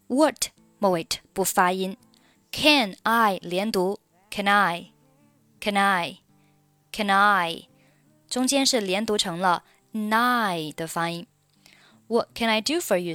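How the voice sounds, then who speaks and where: A woman teaching English pronunciation, repeating each phrase slowly before explaining it. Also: mid-range voice, dry recording. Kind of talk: slow instructional pronunciation lesson.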